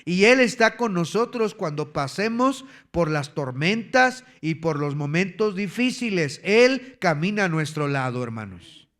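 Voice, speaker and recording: A man's voice: high-pitched, big pitch swings, measured pace, hardly any pauses, a bit bright. A man with an Ecuadorian Spanish accent preaching a sermon, teaching verse by verse and dictating numbered points for the congregation to write down. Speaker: pastor.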